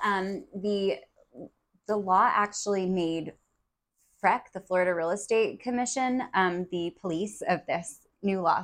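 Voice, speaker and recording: Lady co-host, kinda low voice, chatty, lots of ums. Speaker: podcast co-host. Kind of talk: casual podcast chat.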